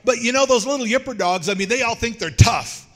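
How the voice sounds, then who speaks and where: A man preaching a sermon in a folksy, joking way, telling animated stories. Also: very high voice, fairly quick, in a large hall. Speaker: pastor.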